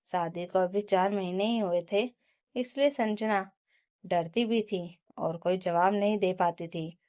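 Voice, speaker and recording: A woman narrating a family drama story in a plain, steady storytelling voice. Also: mid-range voice, a little slow.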